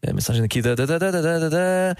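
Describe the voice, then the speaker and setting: A man's voice: a little high, animated, fast, darkish tone, clear, resonant tone, no room sound, studio quality. A man with a European Portuguese accent hosting a playful radio show, teasing his co-hosts and reading listener messages. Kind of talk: playful studio banter.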